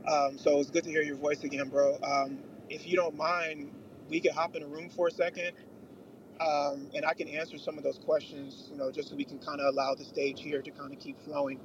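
Man on a car phone call, slightly high voice, road static, muffled line. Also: flat delivery, a little fast. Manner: polite, hesitant, with many fillers. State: calling in while driving a car. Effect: phone in a moving car, road noise behind. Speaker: participant calling into an online audio room. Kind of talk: casual chat.

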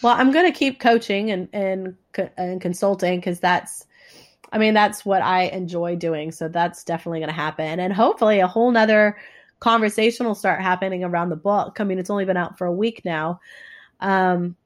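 A woman with a stuffy, congested nose talks conversationally as an interview guest, explaining things in a halting way. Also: on the low side. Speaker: interview guest, author and coach.

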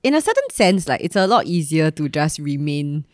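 Singaporean girl interviewer, chatty singlish, lowish voice, really dry sound. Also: big pitch swings, normal speed, dry recording. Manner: Singlish, with ah, eh and mah particles. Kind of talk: casual chat.

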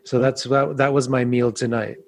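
A man's voice: mid-range voice, level tone, normal speed. A man co-hosting a casual podcast with dry, self-deprecating humor. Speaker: podcast co-host.

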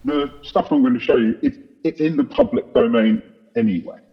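A man's voice: very animated, moderate pace, creaky, breathy edge. A man with his voice electronically altered to hide his identity, a podcast guest who works as an aerospace engineer and speaks hesitantly with many fillers and restarts. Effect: voice electronically altered and deepened to hide his identity. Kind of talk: casual interview chat. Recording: dull lo-fi processed audio.

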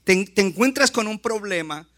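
A male pastor preaching a lively sermon, often acting out short asides and quotes. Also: sits high. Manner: animated preaching, acts out quick asides.

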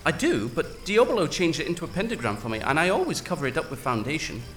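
A man's voice: a little high, big pitch swings, fast talker, a bit bright, soft background music. A man playing a brooding young vampire wizard. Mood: dreamy.

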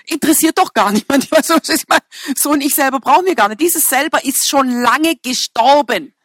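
Woman preacher with a brightish voice, casual and joking, ribbing the room, dry sound. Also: sits high, animated, normal speed, no echo. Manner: humorous, chatty, teasing the congregation; fillers and self-corrections. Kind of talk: sermon.

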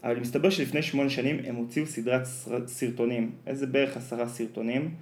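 A man hosting a podcast, telling animated stories in casual chat with plenty of fillers. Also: mid-range voice. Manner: animated storyteller, many fillers. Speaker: podcast host. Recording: roomy echo.

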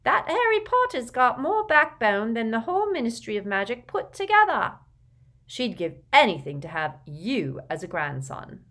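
A woman voicing an earnest, clumsy teenage boy wizard, talking loudly and eagerly. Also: on the high side, sing-song, normal speed, voice pushed up.

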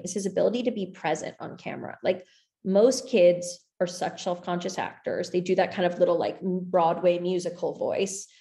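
A young adult woman with a fairly low, gravelly, darkish voice chats casually in an echoey room. She's a filmmaker, rambling enthusiastically about making her film and using lots of fillers.

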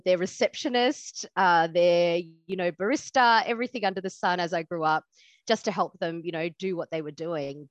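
Woman, 30s, lawyer guest on a podcast; lowish voice, thoughtful and chatty, dry close mic. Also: no room sound, highs cut off. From Australia. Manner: reflective, lots of fillers, laughs easily. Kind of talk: podcast interview.

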